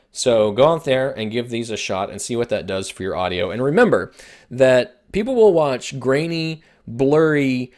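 A man explaining audio recording techniques in a conversational lesson, with frequent fillers and restarts. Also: medium pitch. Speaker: instructor. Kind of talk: video production lesson.

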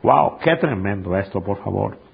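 A male pastor preaching an impassioned sermon, swinging from high, forceful peaks down to low, intimate tones. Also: expressive, moderate pace, vocal fry. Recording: dull lo-fi sound.

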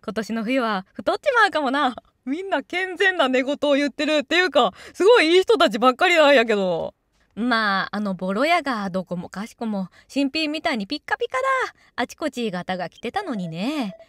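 A woman's voice: high-pitched, animated, a little fast, a bit bright, no echo, studio quality. A woman doing casual let's-play commentary and reading along with the game. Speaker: game streamer.

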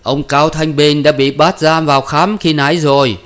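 A man voicing a flustered male doctor who calls out loudly and hurriedly in a story reading. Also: mid-range voice, natural voice. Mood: urgent. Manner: loud and hurried. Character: flustered male doctor bringing bad news.

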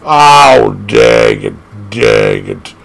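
A gaming channel host casually comments on an arcade game while playing, excitable and laughing a lot. His creaky voice jumps from squeaky highs to low growls, delivered very slowly.

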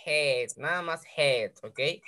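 A woman teaching English words to young children, repeating each word slowly and praising them often. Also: low voice, fairly bright tone. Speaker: primary school English teacher.

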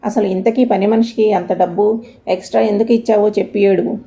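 A woman's voice: medium pitch, steady tone, fairly quick, warm tone, natural voice. A woman voicing a short-tempered middle-aged husband who scolds his gossiping wife in a comic storybook tale. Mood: exasperated. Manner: scolding, exasperated.

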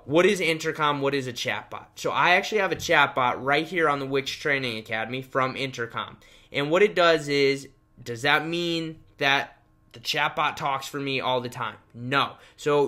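This young man runs a casual screen-share tutorial as a web design trainer. His mid-range voice has a sharp tone, and he pitches things in an upbeat, emphatic, salesman-like way.

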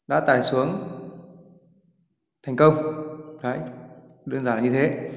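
Guy walking thru a tutorial step by step, chatty, roomy echo w long reverb. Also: medium pitch. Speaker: tutorial host. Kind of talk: casual screen-recording tutorial.

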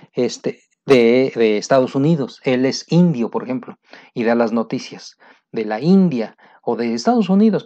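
A man with a Mexican Spanish accent teaching English pronunciation in a casual spoken lesson, patient and repeating key phrases, slowing down to demonstrate sounds. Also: medium pitch, mellow, highs cut off.

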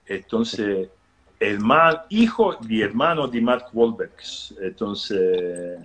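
Lively low-voiced man telling a story. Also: takes it slowly. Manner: animated, quotes people in lively voices, laughs often. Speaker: interview guest, pilgrimage organizer. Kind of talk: casual storytelling over video call. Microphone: phone or laptop on a video call.

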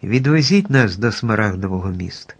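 A man voicing a brave young girl in a storybook reading, speaking eagerly and with excited exclamations. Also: lowish voice, moderate pace, slightly rough. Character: brave young girl leading her friends.

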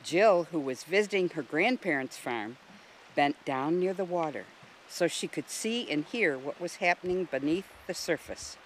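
A woman volunteer reading a children's storybook aloud in a gentle, expressive way. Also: sits low, normal speed, a little hiss or hum, rough recording. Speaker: volunteer narrator.

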